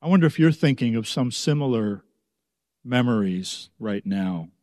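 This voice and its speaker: Male pastor from the United States, mid-pitched, unhurried and reflective sermon delivery, long church reverb. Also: animated, a little mellow, studio quality. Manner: slow, measured, reflective delivery.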